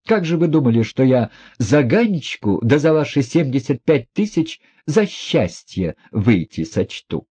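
A man's voice: mid-range voice, very animated, unhurried, hardly any pauses, warm tone, slightly rough, voice pushed up. A man reading an audiobook, voicing a proud, reckless young woman who talks in a mocking, defiant way. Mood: defiant scornful.

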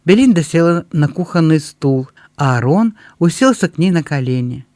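High-voiced man reading a novel aloud. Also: lively intonation, moderate pace, darkish tone, dry recording, clean studio sound. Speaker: audiobook reader. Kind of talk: scripted narration.

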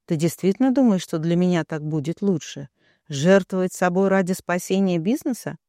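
A man's voice: high-pitched, moderate pace, mellow, dry recording, studio quality. A man voicing a distraught young woman who pleads through tears and lashes out at her parents. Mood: furious. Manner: tearful pleading.

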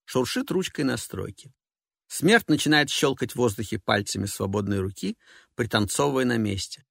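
A man's voice: mid-range voice, lively intonation, moderate pace, creaky, no room sound, clean studio sound. A playwright reading the stage directions of his own play in a matter-of-fact way.

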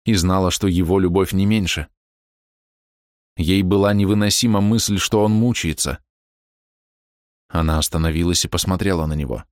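A man narrating an audiobook in a measured, expressive storytelling manner. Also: low voice, no room sound, studio quality.

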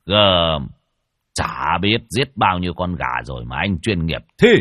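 A man voicing a gruff, bossy old village shaman who barks orders in a blustery way. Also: sits low, lively intonation, measured pace, pushed and bright, no echo, clean studio sound, voice pushed down, heavily acted.

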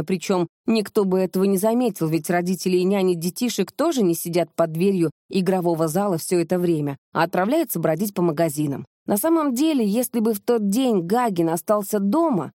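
Woman reading as a calm woman sleuth. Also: medium pitch, no room sound, studio quality, close to an everyday voice. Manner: calm, reasoned explaining. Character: sharp-minded woman investigator explaining a case.

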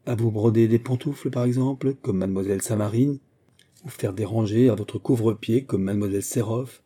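A man voicing a harsh, shrill old spinster schoolmistress who scolds loudly. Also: a little fast, natural voice. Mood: scolding. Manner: scolding, loud.

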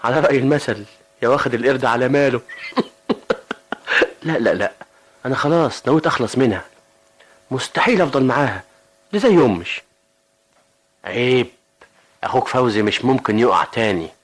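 An actor playing a sly, insulting husband. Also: male voice, mid-range voice, lively intonation, lightly acted. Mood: scheming. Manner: quick, scornful, insulting. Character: scheming middle-aged husband, rude and sly. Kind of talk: vintage radio drama acting.

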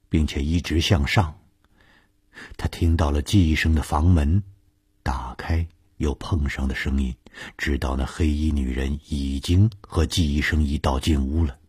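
A man reading a suspense story aloud for a radio serial, measured, dropping to a hush in tense moments. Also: very deep voice, breathy edge, no echo, studio quality.

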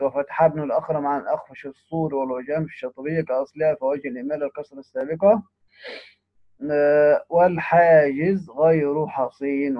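A man reads a classical text at a brisk clip, stopping for short plain as he teaches. His voice sits somewhat high for a man. The recording is dull and lo-fi, with a dry, close sound. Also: no room sound. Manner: reads quoted text, then adds brief plain comments. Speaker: teacher of Quran readings. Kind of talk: reading and explaining a classical text.

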